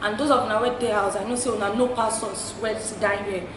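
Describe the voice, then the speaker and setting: Female talk show host, Nigerian accent, recorded off-mic with clear background noise. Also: medium pitch, steady tone, fast. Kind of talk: programme presenting in Pidgin. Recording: very echoey, distant, noisy room.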